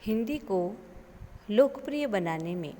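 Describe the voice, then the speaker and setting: A woman lecturer teaching an online class, her words slow and deliberate. She works through one example after another in a measured way. Her voice rings with a long reverb, as if she is in a large bare room. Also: medium pitch, expressive, dark tone.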